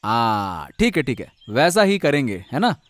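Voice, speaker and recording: A man voices a bossy but caring husband in an acted Hindi audio story dialogue, affectionate and planning, chatty, emphatic and fondly nagging. He speaks at medium pitch, very animated yet measured in pace, with faint music behind him.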